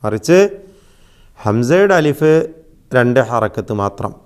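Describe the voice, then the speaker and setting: Male teacher, patient recitation lesson, smooth resonant tone, drawn-out examples. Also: medium pitch, expressive. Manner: patient explaining, drawn-out demonstrations. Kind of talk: religious lesson.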